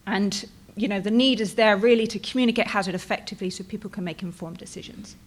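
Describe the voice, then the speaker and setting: She speaks at a quick pace in a steady, mid-range voice. A woman in her thirties with a British accent from Bristol, England, she presents her conference research chattily, often adding ums and a questioning "right?"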